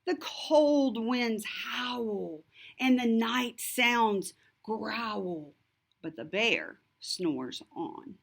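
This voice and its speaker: A woman reading a rhyming picture book aloud to children, expressive and deliberate, with a sing-song lilt. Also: a little high, gravelly, breathy edge. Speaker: storybook reader. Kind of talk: scripted children's read-aloud narration.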